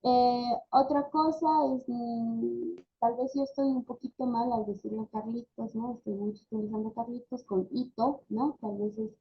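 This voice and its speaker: A woman's voice: a little high, steady tone, moderate pace, breathy edge. A woman, a speech therapy lecturer explaining things in an online class, often checking in with tag questions. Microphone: video call. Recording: dull lo-fi video call audio.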